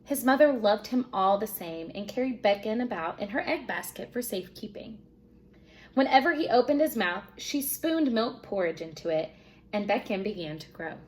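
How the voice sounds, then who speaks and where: The storybook reading comes from a woman teacher whose expressive narration suits young listeners. She speaks at medium pitch and a moderate pace.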